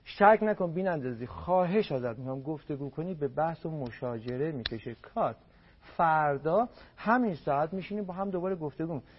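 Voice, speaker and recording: A man's voice: fairly high pitch, animated, a little hiss or hum. A man on a radio program as a family counselor, giving marriage advice in an emphatic way and repeating words for stress. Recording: dull lo-fi radio broadcast.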